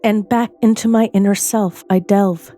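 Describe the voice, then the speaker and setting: A woman narrating a story in verse, in a measured, poetic first-person telling. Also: mid-range voice, steady tone, mellow, faint music behind.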